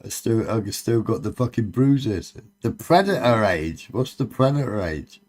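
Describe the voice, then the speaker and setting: Low-voiced, sweary Cornish man. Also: very animated, measured pace, darkish tone. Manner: sweary, bantering. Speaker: live stream host. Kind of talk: casual late-night livestream chat.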